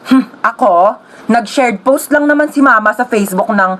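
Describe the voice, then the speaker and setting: A woman's voice: on the high side, normal speed, fairly bright tone. A woman narrating and acting out comedic storytime skits in a playful, teasing way, with music playing behind.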